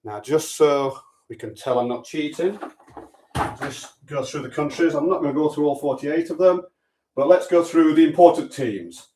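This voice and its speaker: A man's voice: a little high, normal speed, noisy background. A man talks through a sweepstake draw in a dry, offhand way, cracking small jokes as he goes. He sounds like he's standing back from the camera in an echoey room, his voice a little distant. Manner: dry, chatty, offhand humour. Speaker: sweepstake host. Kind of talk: casual live draw commentary.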